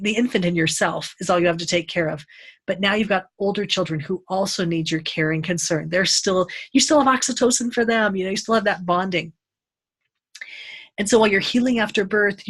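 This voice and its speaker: A middle-aged woman teaching an Ayurveda lesson in an unscripted, animated way, acting out quoted voices. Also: lowish voice.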